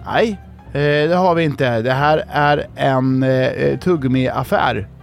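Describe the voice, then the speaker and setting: A man's voice: medium pitch, creaky, faint music behind, natural voice. A man voicing an impatient male shop clerk in a told joke, sounding exasperated. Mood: patient. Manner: exasperated, threatening.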